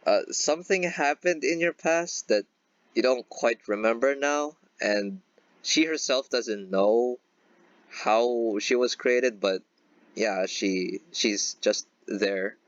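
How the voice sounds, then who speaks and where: A man's voice: mid-range voice, takes it slowly, no echo, highs cut off. A man playing in a tabletop game, talking hesitantly with many fillers and restarts. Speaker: player. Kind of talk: casual tabletop role-play chat.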